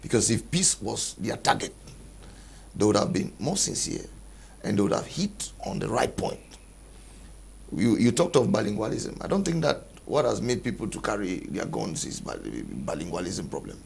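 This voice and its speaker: A man arguing his point as a panelist in a studio panel debate, deliberate and argumentative. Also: lowish voice, big pitch swings, vocal fry, slight background noise.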